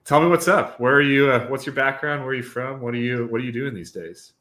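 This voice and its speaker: A man's voice: mid-range voice, fast, sharp tone. A young man from Wisconsin hosting a technical podcast in an upbeat, loose way, with plenty of fillers. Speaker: podcast host. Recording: echoey room.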